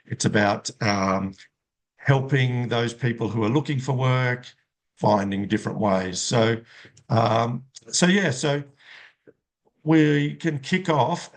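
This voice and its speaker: A man hosting an online jobs chat, talking loosely with lots of "you know" and "um" over a video call mic. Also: medium pitch. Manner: rambling, full of "you know" and "um". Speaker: host. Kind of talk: casual webinar hosting.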